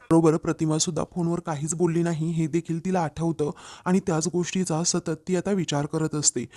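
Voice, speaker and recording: Man retelling a story at an easy pace. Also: fairly high pitch. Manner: steady, plain retelling. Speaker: serial episode reviewer. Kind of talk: storytelling recap.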